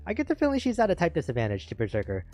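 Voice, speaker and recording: A man streaming a visual novel, reading its text aloud at a steady pace and breaking off for casual asides. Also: a little high, very fast, faint music behind.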